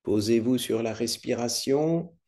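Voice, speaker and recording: A man leading a guided meditation as a yoga nidra instructor, calm, soothing and unhurried, with long pauses. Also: mid-range voice.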